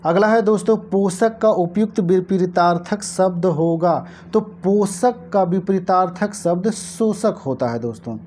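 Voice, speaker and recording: A woman teaching an exam-prep lesson, explaining answers to past-paper questions and repeating key words slowly for her viewers. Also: on the low side, dark tone, slight background noise.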